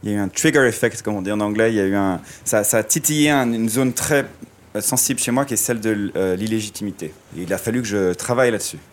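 Here a masked musician talks to a radio interviewer on a city street, pausing, hesitating, and restarting as he reflects. He has a low-ish voice, talks fast, and there's slight background noise.

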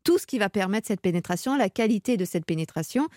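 A woman's voice: mid-range voice, lively intonation, quick pace, darkish tone, no room sound, studio quality. A woman sexologist and psychoanalyst speaking frankly and thoughtfully on a radio show, often repeating words as she thinks. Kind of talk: expert radio chat.

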